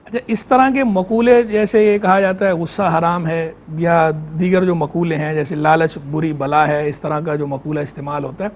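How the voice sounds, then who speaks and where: A man Islamic scholar on a live call-in show, explaining religious rules in a measured way and repeating key terms. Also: fairly high pitch, fairly even intonation, slight background noise. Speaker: Islamic scholar answering on air. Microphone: remote line into studio.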